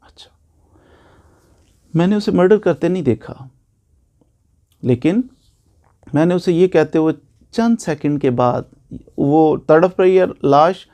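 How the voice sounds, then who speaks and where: A man's voice: on the high side, slow pace, long pauses, dark tone. A man with a Pakistani accent giving an informal law lecture, explaining by repeating points and posing questions that he answers himself.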